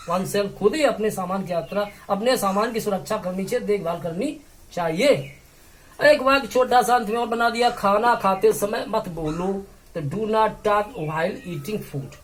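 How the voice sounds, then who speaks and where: A man with a notably high voice teaches an English lesson. He explains patiently, spells words out letter by letter and repeats each phrase slowly. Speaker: English tutor. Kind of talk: bilingual language lesson.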